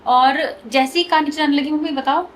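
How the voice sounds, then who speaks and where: Young woman vlogger, high and quick, animated storytelling, faint hiss behind. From Uttarakhand. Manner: fast animated retelling of an accident. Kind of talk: casual storytelling.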